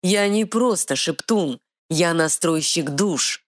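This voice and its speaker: A woman voicing an arrogant male dark sorcerer who speaks slowly with hissing menace, recorded dry. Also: fairly low pitch, lively intonation, no echo, pitched above the performer's own voice. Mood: menacing. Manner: slow, drawn-out, hissing threats.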